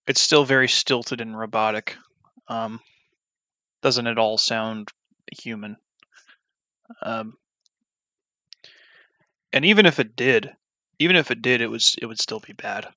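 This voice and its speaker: A man's voice: mid-range voice, sharp tone, no room sound. A man giving casual gameplay commentary as a gaming YouTuber, rambling bluntly with many ums and restarts. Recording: slightly dull, dry recording.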